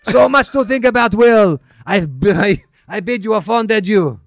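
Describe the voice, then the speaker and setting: A man's voice: high voice, moderate pace, no echo, studio quality, faint music behind, pitched above the performer's own voice. A man voicing a pompous, crude, worldly ex-footballer with a grandiose manner. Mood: florid. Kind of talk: comic character phone bit.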